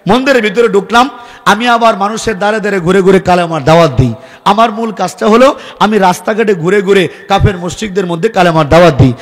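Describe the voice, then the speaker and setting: A man from Bangladesh, preaching a fiery sermon at a large gathering and shouting rhythmic call-and-response prompts to the crowd. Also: high voice, fast talker. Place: large religious gathering beside a fair. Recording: reverberant venue with crowd noise.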